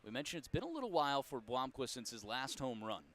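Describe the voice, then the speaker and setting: A man calling baseball play-by-play in a folksy, joking way, and he gets loud when the big plays come. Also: medium pitch, very animated, quick pace. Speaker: play-by-play announcer.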